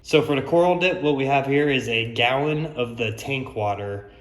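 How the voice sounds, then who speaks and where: A man's voice: mid-range voice, normal speed, a bit bright. A man narrates a casual hobby vlog in a mid-range voice, speaking informally and straight to his viewers. His voice echoes around a bare-walled room at home. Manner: informal, addresses viewers as guys. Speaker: aquarium hobby vlogger.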